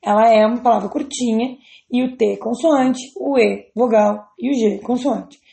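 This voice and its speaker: A woman's voice: fairly high pitch, gravelly, mellow. Woman teacher spelling out rules, roomy echo. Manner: patient, spells out letters slowly. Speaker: English teacher. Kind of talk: explaining grammar to students.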